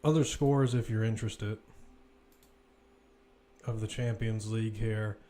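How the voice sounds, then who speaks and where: Following the football as it happens, this play-by-play commentator talks informally and muses out loud. He has a lowish, mellow voice with a steady tone and a slightly slow pace.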